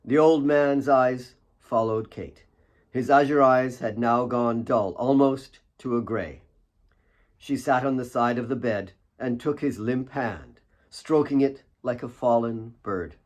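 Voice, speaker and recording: A man with a medium-pitched voice narrates an audiobook of his own fiction in a solemn, deliberate, dramatic style.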